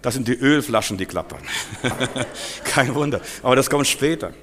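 Impassioned preacher with a bright voice. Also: male voice, medium pitch, lively intonation, normal speed. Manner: impassioned, swinging between loud exclamations and hushed lines. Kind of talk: sermon.

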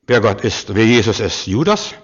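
A man preaching a sermon as a pastor, swinging between loud emphatic bursts and hushed, searching questions. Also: fairly low pitch, very animated, moderate pace, slightly rough. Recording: dull muffled recording.

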